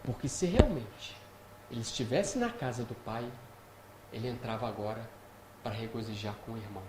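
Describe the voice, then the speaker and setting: Speaking at a normal speed in a mid-range voice, a Brazilian Portuguese-accented man delivers a spiritist lecture about scripture, keeping it chatty and often engaging his listeners. The recording comes from a reverberant spiritist-center hall carrying faint noise.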